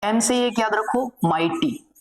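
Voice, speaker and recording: A woman's voice: fairly high pitch, slow pace, rough recording. A woman teacher giving a vocabulary lesson for exam students, explaining English words in Hindi and repeating each word while she dictates lists.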